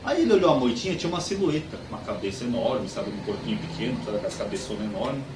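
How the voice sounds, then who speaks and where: A man with a Brazilian accent telling jokes as a lively storyteller who acts out the dialogue, recorded far off in an echoey room. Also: medium pitch, quick pace, noisy background. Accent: Brazilian Portuguese. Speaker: joke teller.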